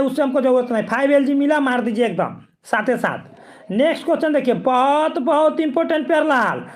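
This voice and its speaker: A male physics teacher, coaching students for exams. He repeats himself and keeps asking whether they follow. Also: extremely high pitch. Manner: repetitive, coaxing, keeps checking students follow. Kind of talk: exam-prep lesson.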